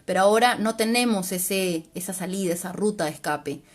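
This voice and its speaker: A woman's voice: medium pitch, a little fast. A woman psychologist, giving an informal live-stream talk. She explains patiently and often closes phrases with a questioning tag. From Peru. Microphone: livestream mic.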